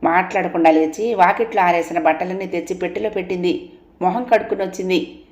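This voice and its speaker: A woman storyteller reading a novel aloud in an even, unhurried voice. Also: fairly low pitch, muffled recording. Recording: roomy echo.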